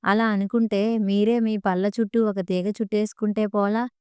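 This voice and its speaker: A woman's voice: mid-range voice, flat delivery, moderate pace, a little mellow, smooth, dry recording, natural voice. A woman voicing a sarcastic young dentist. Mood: mocking. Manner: sneering, curt.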